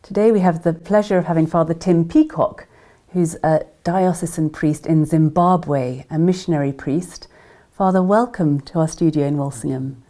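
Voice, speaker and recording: Low-voiced woman interviewer. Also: mellow. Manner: polite and measured. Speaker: studio interviewer. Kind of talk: formal interview intro. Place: studio.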